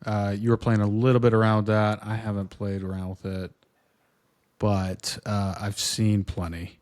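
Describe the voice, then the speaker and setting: A man co-hosting a podcast in easygoing talk, often checking in with "right?" and pausing on "uh". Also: fairly low pitch, little pitch movement, darkish tone. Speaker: podcast co-host. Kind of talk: casual tech chat.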